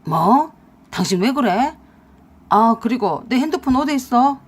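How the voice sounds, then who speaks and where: A woman voicing a young husband who blusters and defends himself loudly in a radio drama. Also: fairly high pitch, animated, unhurried, slightly rough. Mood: defensive, angry. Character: angry young husband caught out, blustering man.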